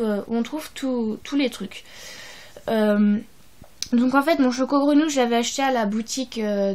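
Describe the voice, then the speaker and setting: A woman's voice: fairly high pitch, a little mellow. A young woman presenting her holiday purchases in a casual haul video, hesitant and full of fillers and restarts. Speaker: vlogger.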